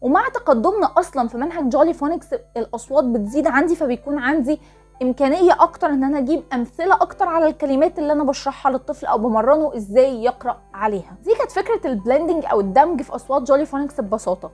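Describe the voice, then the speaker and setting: A channel host with an Egyptian Arabic accent and a high voice speaks quickly, teaching parents how children learn to read. She carefully walks through each step of phonics, stretching out single letter sounds to show how they blend together. Soft music plays in the background.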